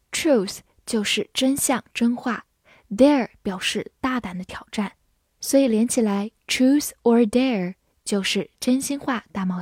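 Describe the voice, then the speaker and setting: Slow, careful woman teaching vocabulary. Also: on the high side, darkish tone, no echo, clean studio sound. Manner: spells words out letter by letter and reads example sentences slowly.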